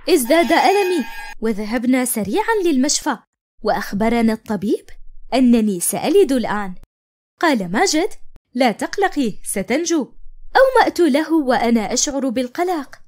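A woman narrating an animated story in the first person and voicing every figure herself. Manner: voices every figure herself, dropping lower for the doctor. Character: Nour, a young wife and mother telling her own story. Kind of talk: storytelling narration in classical Arabic.

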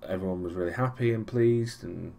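A man's voice: low voice, fairly quick, creaky, mellow. A young man giving a casual weekly vlog recap, rambling with many ums and restarts and a dry, sarcastic streak. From Europe. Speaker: vlogger.

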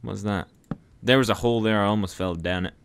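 A man chatting casually while playing a game with a friend, joking and breaking into loud playful shouts. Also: lowish voice, fairly quick, gravelly, clear, resonant tone. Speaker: gameplay commentator. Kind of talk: casual gameplay chat.

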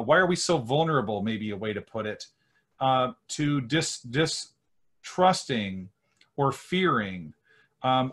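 A man's voice: medium pitch, a bit bright. Middle-aged male host, clergy; reflective, searching questions over a video call from a book-lined study. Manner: musing, fills with "you know", gestures while asking. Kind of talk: conversational interview on a video call. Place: home study with bookshelves. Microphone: computer microphone on a video call.

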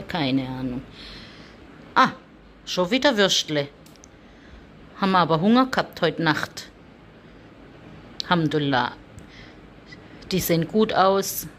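A woman's voice: fairly bright tone, slight background noise. Chatty woman vlogging with cats. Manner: chatty, coos and calls to her cats in a high sing-song. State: allergic, coughing. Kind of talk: casual vlog talk to cats and viewers. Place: room with cats, indoors.

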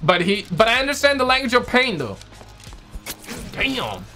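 Hosting a reaction video from his home green-screen room, a young adult man fires off slangy, exclamatory commentary, repeating his phrases often, over background music. His voice is extremely high, bright and forceful, with huge pitch swings, at a normal speed.

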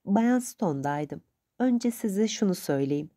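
A woman reading the lines of a spirited, proud young woman, speaking quickly and emphatically in a raised voice. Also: medium pitch, animated, warm tone.

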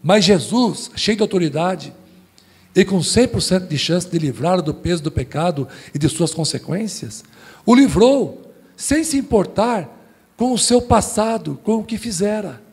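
A male pastor preaching a sermon in a church service, emphatic and rhetorical, moving between loud calls and hushed phrases. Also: high-pitched, animated, unhurried, husky. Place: church sanctuary during a live service. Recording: long church-hall reverb.

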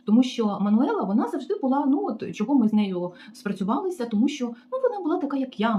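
A woman's voice: a little high, dark tone, slight background noise. A woman from Ukraine tells a story about her work as a hotel maid in a casual vlog, talking in a chatty way and turning to her viewers with frequent asides. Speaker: vlogger recounting her job as a hotel maid.

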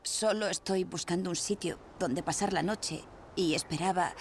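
A woman's voice: on the low side, normal speed, a little hiss or hum, close to an everyday voice. An actress voicing a tough, worn-out young woman drifter in a dubbed video game, blunt and snappy one moment, pleading with strangers the next.

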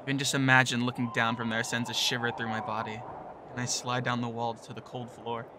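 A man's voice: mid-range voice, little pitch movement, a little fast, background noise. A man narrating a visual novel in the first person, in a nervous, self-deprecating tone.

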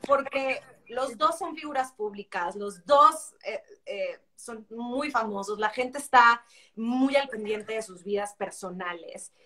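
A woman's voice: fairly high pitch, takes it slowly, bright, forceful tone. A woman interviewing a guest, asking long, winding questions enthusiastically.

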